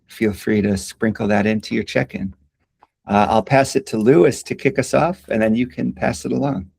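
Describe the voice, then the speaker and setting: A man facilitating an online community call, inviting people into a check-in round in a relaxed, guiding way. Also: fairly low pitch, no room sound. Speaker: session facilitator.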